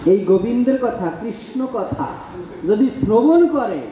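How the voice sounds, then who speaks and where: A man's voice: high-pitched, measured pace, warm tone, a little hiss or hum. A man giving a devotional sermon, repeating phrases emphatically and leading the audience in call-and-response. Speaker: preacher. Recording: dull, echoey hall sound.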